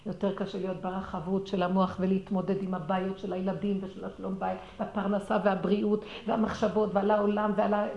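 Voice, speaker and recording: A middle-aged woman telling a personal story in a religious talk, acting out the dialogue with animation and sinking into quiet, prayerful murmurs. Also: mid-range voice, little pitch movement, vocal fry, few pauses, highs cut off. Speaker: speaker sharing a personal story. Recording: roomy echo with faint background noise.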